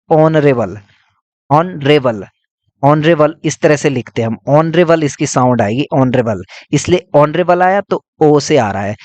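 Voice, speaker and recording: A man's voice: a little high, no echo. A man teaching an English grammar lesson, explaining step by step and asking and answering his own questions while he writes on a board.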